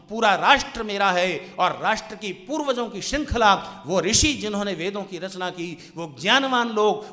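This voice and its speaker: A man preaching a sermon in a large hall, with impassioned oratory that swings from loud declarations to hushed, drawn-out lines. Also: high voice. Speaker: Arya Samaj preacher. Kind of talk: Hindi sermon on national pride. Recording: long hall reverb.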